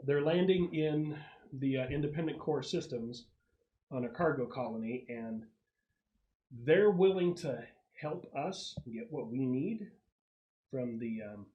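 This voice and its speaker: Narrating a casual tabletop game as its game master, this man explains the scenario in a chatty way and assembles the details on the fly. His mid-range voice is animated and his pace measured. The sound is phone quality, from a noisy room, with audible clicks.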